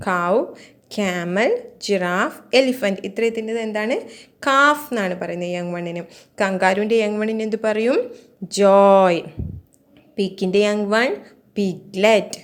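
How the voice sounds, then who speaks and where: A woman teaching young children, slowly repeating each word so they can learn it. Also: medium pitch. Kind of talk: children's vocabulary lesson.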